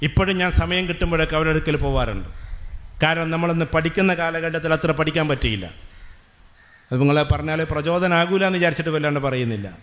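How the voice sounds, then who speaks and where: A fairly high-voiced man, addressing students and teachers at a school gathering. He tells his stories in a motivational speech and draws out key words slowly for effect. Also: a bit bright. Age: 40s. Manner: slows down and stretches words for emphasis. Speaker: guest speaker at a school.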